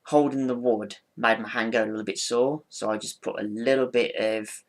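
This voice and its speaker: Presenting his figure, a ventriloquist speaks in a lowish voice at a moderate pace with fairly level intonation. The explanation is informal and practical, meandering and matter-of-fact, full of repetition.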